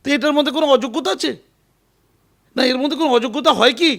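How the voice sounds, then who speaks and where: A man giving an animated, emphatic political interview, often repeating his phrases. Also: very high-pitched, very fast, vocal fry. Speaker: interview guest.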